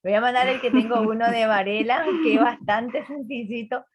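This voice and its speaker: A woman's voice: fairly high pitch, moderate pace, crowd noise. Chatty teacher woman on a video call. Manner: chatty, repeats words, asks the class questions. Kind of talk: online class lecture.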